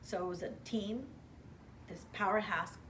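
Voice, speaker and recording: An animated woman recounts her career in a relaxed interview, slipping into quoted voices and gasping for effect. Her voice sits at a middling pitch for a woman, with a faint hiss of background noise behind her. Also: a little slow. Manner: animated, acts out quoted dialogue with gasps. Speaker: hair stylist guest. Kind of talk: casual interview storytelling.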